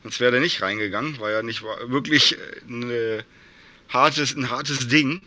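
A man's voice: medium pitch, normal speed, bright, forceful tone, no echo. A man talking casually about football as a fan guest on a podcast.

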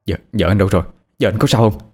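A man's voice: on the low side, rapid-fire, slightly rough. A man voicing an injured young husband who anxiously stammers questions about his wife. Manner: urgent, stammering.

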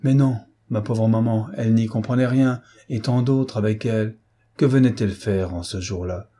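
A bitter, reproachful young man, as a male narrator reads him, impassioned and accusing. The tone is mellow and husky rather than bright. A novel read aloud as drama. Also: lowish voice, steady tone, normal speed, close to an everyday voice. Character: embittered young man accusing his parents.

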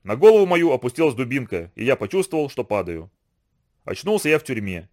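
Guy reading an audiobook, expressive storyteller, voice rises and falls a lot. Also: medium pitch, a little fast. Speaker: narrator. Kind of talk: scripted audiobook narration.

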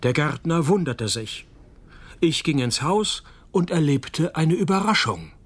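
In a radio play, an actor voices a wry, cynical private detective who narrates in the first person. His male voice is fairly high and husky, and his unhurried delivery is dry, deadpan, and laconic.

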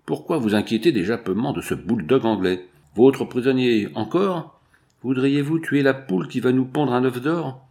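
A man's voice: medium pitch, normal speed, creaky, a little mellow, pitched above the performer's own voice, close to an everyday voice. A man voicing a mocking, cruel male bandit chief who taunts with facetious jokes. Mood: scornful.

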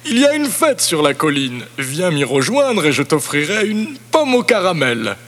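A man voicing a crafty, hungry big bad wolf in a slow, drawn-out growl for a storybook cassette. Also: on the high side, very animated, a bit bright, pitched above the performer's own voice, exaggerated voice. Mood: sweet-talking. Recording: hissy old cassette recording.

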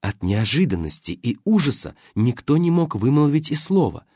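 A man narrating an audiobook with expressive storytelling. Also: medium pitch, normal speed, breathy edge, no echo, clean studio sound.

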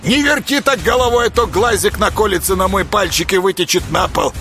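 A man's voice: high voice, a little fast, bright, forceful tone, soft background music, pitched above the performer's own voice. A man voicing a cruel, mocking male villain with a taunting, mock-tender manner in an audiobook.

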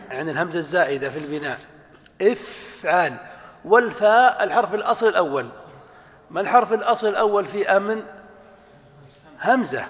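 Male lecturer with a slightly high voice, quizzing students in a reverberant lecture hall. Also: fairly bright tone. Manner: asks the class questions and answers them himself. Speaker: professor. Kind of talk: classroom lecture on Arabic morphology.

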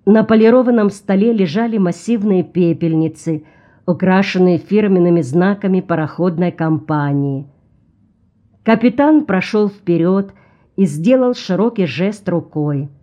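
A woman narrates an audiobook at an unhurried pace. Her tone is mellow and warm, and her reading stays even and measured. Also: on the low side, muffled recording.

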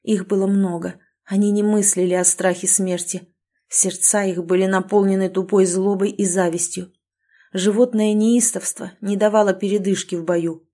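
A woman narrates a first-person fantasy story with an intense, expressive delivery. Her voice is mellow and warm, sitting at an ordinary pitch for a woman. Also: moderate pace. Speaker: audiobook narrator.

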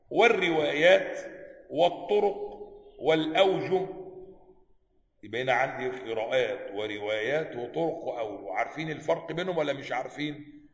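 A man's voice: fairly high pitch, gravelly. A man with an Egyptian accent teaching a class on Quranic sciences. He reads a passage aloud, explains it, and keeps asking his students whether they follow. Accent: Egyptian Arabic. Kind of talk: classroom lecture explaining a text. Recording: echoey hall, slightly dull sound.

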